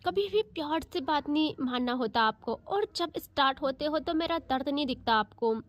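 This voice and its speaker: A woman's voice: high-pitched, expressive, normal speed. A woman voicing an indignant young woman who scolds in an exasperated tone. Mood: scolding.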